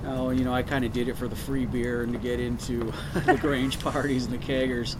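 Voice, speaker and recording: A middle-aged man tells his story in a loose, rambling way, full of "uh" and "kinda". His voice sits at an ordinary middle pitch. Traffic and street noise are clearly heard around him outdoors. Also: level tone, brisk. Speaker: bass player. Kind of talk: casual storytelling.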